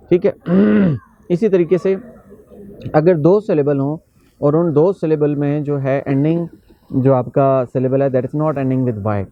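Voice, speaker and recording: A man with a slightly high voice teaching an English grammar lesson, working through one example after another. He slows down carefully for each example phrase. The recording sounds muffled and lo-fi. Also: dry recording. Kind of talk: grammar lecture.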